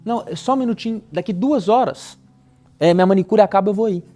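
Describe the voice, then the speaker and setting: A man's voice: high-pitched, fast, dark tone, soft background music, natural voice. A man with a Brazilian accent voicing a casual woman who brushes off a friend's urgent plea. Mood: dismissive. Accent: Brazilian Portuguese. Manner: breezy, dismissive.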